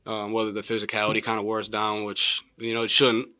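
A young man in his twenties, a college basketball player answering postgame press questions in a measured way with many filler words, seated at a table mic in a press room. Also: fairly low pitch, completely flat delivery, sharp tone, no room sound. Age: 20s. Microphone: table mic in front.

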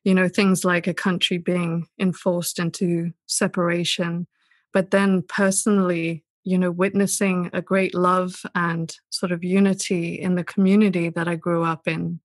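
Soft-spoken woman from southern africa, kinda flat and low-ish, dry close mic. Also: unhurried, no echo. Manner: thoughtful, gentle, with many "sort of" hedges. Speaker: podcast guest, poet and author. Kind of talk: reflective interview answers.

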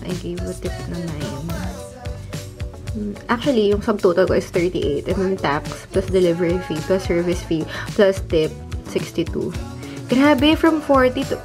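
A young woman with a Filipino accent chats brightly to her camera from a hotel room. Her voice sits at a middle pitch. She mixes Tagalog into casual English over clear background music. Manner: chatty, bubbly, mixing Tagalog into English. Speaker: travel vlogger. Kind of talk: casual vlog chat.

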